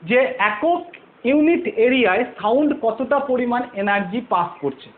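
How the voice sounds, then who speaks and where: A man with a very high voice teaches physics, walking through each idea patiently. He keeps asking rhetorical questions and answering them himself, repeating the key words. The audio is thin and phone-like. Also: expressive, normal speed. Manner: repeats key terms, patient step-by-step explaining. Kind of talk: online physics lesson.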